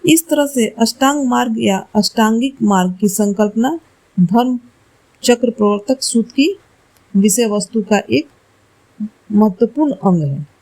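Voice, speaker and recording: A woman's voice: a little high, lively intonation, measured pace, darkish tone, rough recording. A woman teacher going through quiz questions and answers for exam study, explaining carefully and correcting herself aloud.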